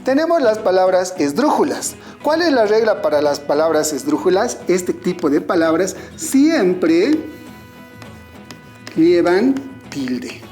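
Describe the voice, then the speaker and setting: A man with a Bolivian Spanish accent teaches a scripted online lesson. His voice rises and falls a great deal as he explains each point. He speaks clearly and turns to his students with questions. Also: high-pitched, sing-song, takes it slowly, darkish tone, soft background music.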